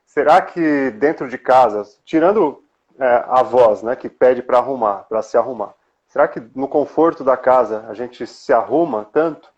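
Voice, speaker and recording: A man hosting a live talk show, asking slow rhetorical questions in casual chat. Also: mid-range voice, darkish tone, muffled recording.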